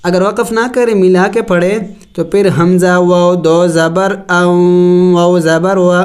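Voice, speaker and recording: A man teaching tajweed, spelling out Arabic letters slowly and reciting, then explaining the rules. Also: sits high, little pitch movement, darkish tone, smooth. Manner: slow drawn-out recitation between plain explanations.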